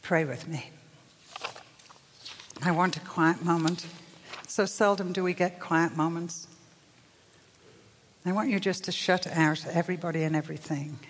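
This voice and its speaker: A woman's voice: lowish voice, fairly even intonation, measured pace, pauses often, a little hiss or hum. An older woman telling a story in a sermon as a preacher, acting out the voices in it with lots of animation. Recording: long hall reverb.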